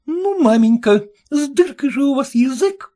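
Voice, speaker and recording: A woman voicing a haughty, irritable young married woman in an audiobook, with a sharp, scornful manner. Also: high-pitched, lively intonation, unhurried, pitched above the performer's own voice. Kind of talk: audiobook reading.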